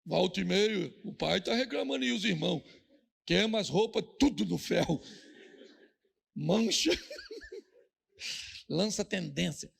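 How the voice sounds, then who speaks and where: A middle-aged Brazilian pastor preaches with a joking, storytelling delivery and slips into the voices of the people he describes. His voice sits high and is heavily gravelly, full of fry. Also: very animated, slow pace, pauses often. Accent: Brazilian Portuguese. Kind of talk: humorous sermon.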